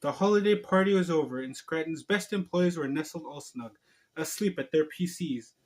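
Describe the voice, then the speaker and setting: A man hosts a homemade video, chatting casually before reading a storybook aloud in a loose, amateur way that stumbles a little. His voice is on the high side and a little mellow, and he speaks at a moderate pace.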